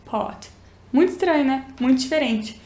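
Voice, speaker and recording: Young Minas-accented woman, teacher vlog, higher voice, echoey room. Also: moderate pace, a little mellow. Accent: Minas Gerais Brazilian Portuguese. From Minas Gerais, Brazil. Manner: chatty, explains and demonstrates pronunciations. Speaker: English teacher.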